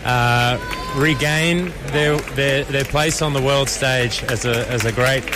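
An Australian man with a native English accent speaks slow, halting Spanish in a street interview. Traffic noise runs clearly behind his unhurried words. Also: mid-range voice.

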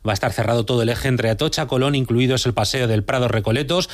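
A man from reading the news as anchor, in a measured newsreader delivery. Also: medium pitch.

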